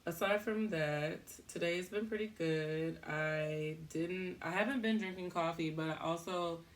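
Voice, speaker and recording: Chatty woman thinking out loud. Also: on the low side, measured pace. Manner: thinks out loud, chatty, self-interrupting, laughs at herself. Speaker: podcast host. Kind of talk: casual rambling monologue.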